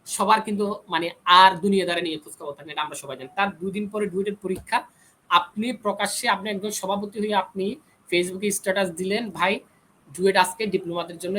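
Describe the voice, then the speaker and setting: Speaking with a forceful, bright tone in a high voice, a young adult engineering student argues as a guest in a heated panel debate. He won't be cut off and pushes back insistently. The audio is poor, with a bit of hiss or hum.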